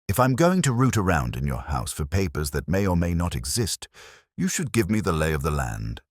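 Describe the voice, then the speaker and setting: In a dry recording, a man with a deep, very animated voice narrates a mystery at a moderate pace. He plays a tough detective's assistant in this first-person audiobook, his delivery wisecracking, wry and probing.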